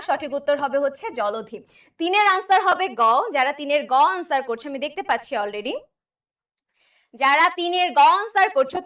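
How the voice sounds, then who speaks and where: A woman's voice: high-pitched, pushed and bright, distant mic. A young woman from Bangladesh teaching a live online class, repeating key words and quizzing her students as she works through exam questions. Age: young adult. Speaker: Bangla tutor for university admission.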